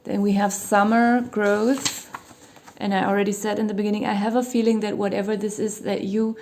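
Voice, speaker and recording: A German tarot reader gives a casual reading from her home near a hospital, with sirens audible outside. Her mid-range voice is slightly hoarse, as if she's losing it a little, and sounds flat, somewhat mellow, and moderately paced. She rambles loosely, hedging often and filling gaps with "you know."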